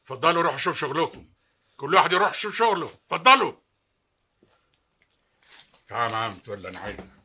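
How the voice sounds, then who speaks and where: An actor with an Egyptian Arabic accent playing a stern shop owner who talks in a commanding, scolding way in a TV drama. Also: male voice, fairly high pitch, very animated, fast, pauses often, sharp tone, husky, heavily acted. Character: stern shop owner, older male boss. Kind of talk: TV drama acting.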